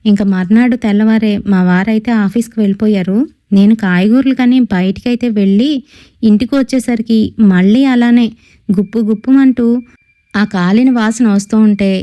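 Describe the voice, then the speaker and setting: Woman telling a ghost story, mellow voice. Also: mid-range voice. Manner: steady storytelling with quoted dialogue. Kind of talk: first-person horror story narration.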